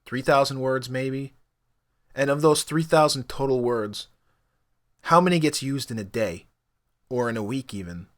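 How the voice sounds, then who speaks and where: His voice sits in the mid range, a bit bright, moving at a moderate pace and pausing often. A young native Spanish speaker, he muses to the camera about learning languages in a loose, filler-heavy ramble that works as a casual opinion monologue.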